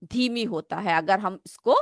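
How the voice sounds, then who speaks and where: A woman's voice: mid-range voice, measured pace. A woman teaching a school science lesson. She asks the pupils questions and then answers them herself. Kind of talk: classroom lesson, explaining a simulation.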